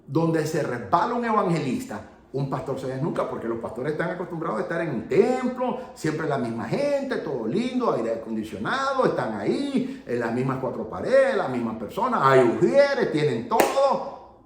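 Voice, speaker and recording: A man preaching as an evangelist, telling a testimony in animated storytelling style and laughing at himself as he goes. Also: on the high side, normal speed, echoey room. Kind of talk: sermon testimony teaching.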